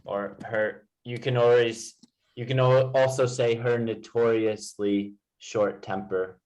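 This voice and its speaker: A man's voice: mid-range voice, steady tone, takes it slowly, a little mellow, rough recording. A man tutoring English one to one, explaining informally with everyday examples. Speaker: English teacher.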